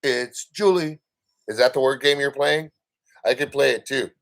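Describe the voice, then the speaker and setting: A man's voice: mid-range voice, fairly even intonation, fairly quick, fairly bright tone. Rambling man chatting on a livestream. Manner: rambling, chatty, playful with viewers. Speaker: livestream host. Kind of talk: casual livestream chat.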